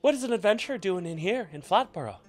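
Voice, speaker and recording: A man's voice: sits high, animated, voice pushed up. A man voicing a mysterious, flirtatious elven woman who tells fortunes from cards in a tabletop role-play. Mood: coy, inviting. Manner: fortune-teller patter, slow portentous card reading. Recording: music playing behind the voice.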